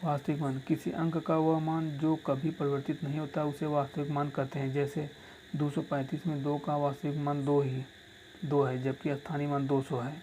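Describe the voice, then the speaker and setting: Flat-voiced man dictating exam answers. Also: a little high, normal speed, a little hiss or hum, low-quality recording. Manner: dictating answers, repeating lines for notes. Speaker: teacher. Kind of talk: exam-prep lesson.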